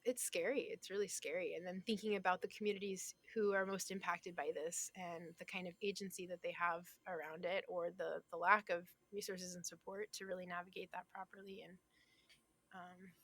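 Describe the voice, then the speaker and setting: Speaking with a lowish, steady voice that has a breathy edge, a young Floridian woman is interviewed casually as a guest artist. She comes across thoughtful, with many pauses and quiet laughs.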